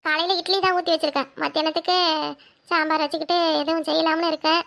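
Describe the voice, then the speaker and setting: A woman voicing a strict young village mother in a cartoon, nagging and brisk. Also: extremely high pitch, steady tone, gravelly, fairly bright tone, exaggerated voice. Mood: complaining. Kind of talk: cartoon voice acting.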